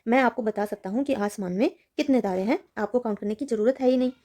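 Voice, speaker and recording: A woman teaching a children's reading lesson, reading lines slowly and then explaining them in Hindi. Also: on the high side, mellow. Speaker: English teacher.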